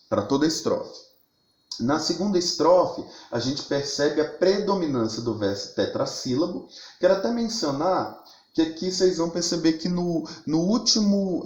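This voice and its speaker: A man gives a recorded lesson in a mid-pitched voice. He explains each point step by step, often repeating and restarting his phrases. The sound has a noticeable room echo. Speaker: teacher.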